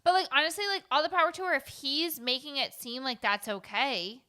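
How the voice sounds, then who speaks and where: A young woman co-hosting a podcast in casual chat, animated and incredulous, laughing often. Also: sits high, brisk. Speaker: podcast co-host.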